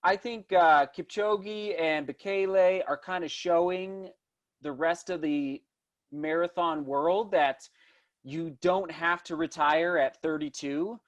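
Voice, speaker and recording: A man's voice: on the high side, takes it slowly, muffled recording. A man in his thirties talking casually as an interview guest, enthusiastic and rambling, often restarting his thoughts mid-sentence. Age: 30s. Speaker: interview guest, distance runner and vlogger.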